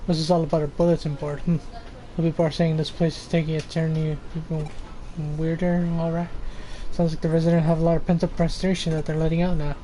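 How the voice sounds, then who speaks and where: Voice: mid-range voice, level tone, fast, dark tone, a little hiss or hum, low-quality recording. A game streamer doing a let's play, reading dialogue aloud in a casual way with mumbled asides and small stumbles.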